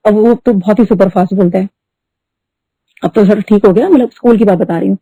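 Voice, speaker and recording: A middle-aged woman telling a devotional story at a satsang, talking fast and mixing in English words. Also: mid-range voice, dry recording. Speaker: devotee sharing testimony. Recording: dull lo-fi dry recording.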